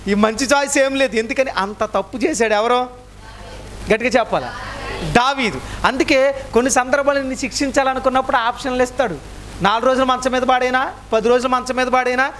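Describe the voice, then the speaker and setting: A man with a very high voice preaches an animated sermon. He fires questions at the congregation and calls on them to answer louder. A faint hiss of noise sits under the recording. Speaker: pastor.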